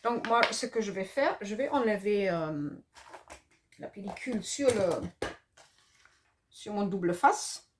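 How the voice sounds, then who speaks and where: A woman's voice: medium pitch, lively intonation, slow pace, pauses often, a little hiss or hum. A middle-aged woman with a noticeable regional French accent, chatting through a papercraft tutorial with lots of fillers and hesitations. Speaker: papercraft demonstrator. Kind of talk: casual craft tutorial.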